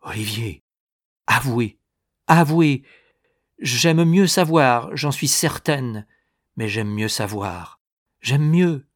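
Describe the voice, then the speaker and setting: A man's voice: medium pitch, slow pace, dry recording, clean studio sound, natural voice. A man reading aloud, voicing an aging woman who pleads desperately and falters through tears. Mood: pleading. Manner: breathless, faltering pleas.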